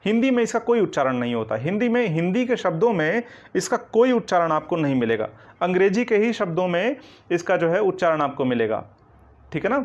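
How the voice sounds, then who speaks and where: A man with a fairly high voice teaches Hindi grammar in an online coaching lecture. He goes step by step, keeps checking in with the listener, and answers his own questions. The recording sounds dull and lo-fi. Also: big pitch swings, brisk. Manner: explains step by step, repeating "ठीक है ना" and asking questions back.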